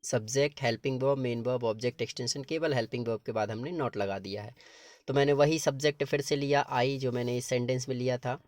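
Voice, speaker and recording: A man's voice: medium pitch, steady tone, fast talker, a little mellow, no echo. Dry-sounding man teaching step by step. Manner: patient, step-by-step explaining in Hindi. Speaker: English teacher. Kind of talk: explaining grammar at a board.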